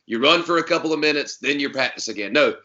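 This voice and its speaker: A man's voice: mid-range voice, quick pace. A man, co-hosting a podcast in casual, joking chat. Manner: joking, animated, does mock accents. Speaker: podcast co-host. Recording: dull lo-fi audio.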